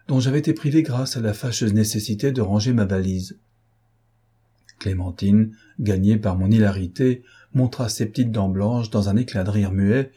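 A man reading a novel aloud as narrator, with calm, measured storytelling. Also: on the low side, husky. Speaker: audiobook narrator.

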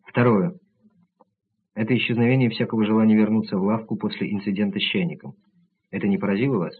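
A man reading the part of a calm, analytical doctor who lays out his reasoning methodically, in a husky low voice on tinny audio. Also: quick pace. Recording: tinny narrow-band audio.

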